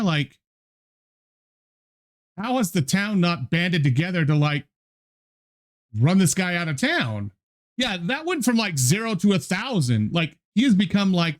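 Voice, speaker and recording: A man comments on a video as he watches it. He talks casually, rambling through asides and fillers, and his voice sits a little high for a man. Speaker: reaction video host.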